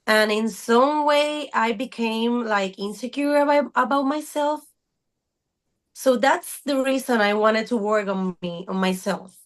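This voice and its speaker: A woman's voice: on the high side, unhurried. A woman in her thirties, a guest on a podcast, speaking earnestly and searching for her words. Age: 30s. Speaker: podcast guest, fitness coach. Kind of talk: casual interview talk.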